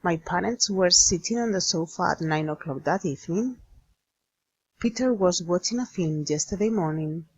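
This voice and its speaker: A woman explaining an English grammar lesson in a slow, deliberate manner, spelling out letters. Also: lowish voice, darkish tone, husky, no room sound, highs cut off. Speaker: English teacher.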